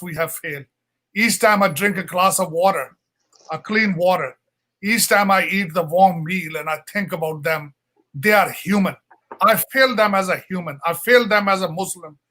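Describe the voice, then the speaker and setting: A man's voice: high-pitched, pushed and bright. A man from Pakistan with a Pakistani accent, giving an earnest, repetitive and impassioned speech on a panel. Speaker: panel speaker, political adviser.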